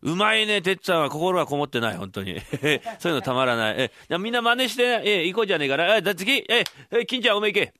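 A man hosting a live radio show and performing a short rakugo story, switching quickly between the voices of many townsfolk. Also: high-pitched, dry recording. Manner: fast, lively Edo-style storytelling.

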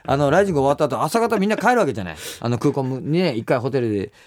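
A middle-aged man, a musician, chatting casually and telling stories in an animated way, acting out the lines of people he quotes. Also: medium pitch, racing, dry recording, studio quality. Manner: animated storyteller who acts out quoted exchanges. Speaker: musician and show host. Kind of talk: casual chat.

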